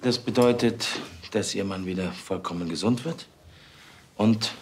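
A man acts a reassuring surgeon in a hospital drama. His voice is a bit low, his manner measured and professional. Clear noise and clicking are heard around him. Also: close to an everyday voice. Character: composed, reassuring male surgeon. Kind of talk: naturalistic TV drama acting.

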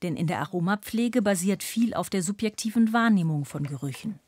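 A woman reading scripted narration for a TV report in an even, factual manner. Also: mid-range voice, a little fast, husky.

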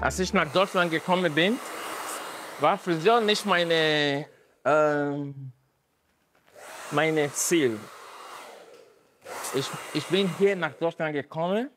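A man from Nigeria with a Nigerian accent, a barber and painter, answering interview questions in halting German and searching for words. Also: on the high side, over music.

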